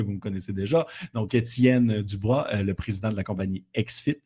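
A man's voice: fairly low pitch, warm tone. A man hosting a webinar interview, speaking with many fillers and restarts over a video call. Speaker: webinar host and company president. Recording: slightly dull lo-fi audio.

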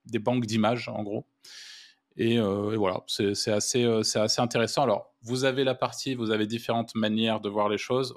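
A man co-hosting a podcast, chatting casually and rambling with many restarts and fillers. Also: lowish voice. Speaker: podcast co-host.

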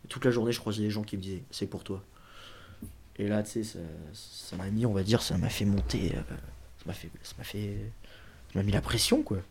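A nineteen-year-old junior BMX racer from France, interviewed casually as a guest, rambles through his story with lots of fillers and restarts. He talks quickly in a lowish, slightly mellow voice with fairly even intonation and a breathy edge.

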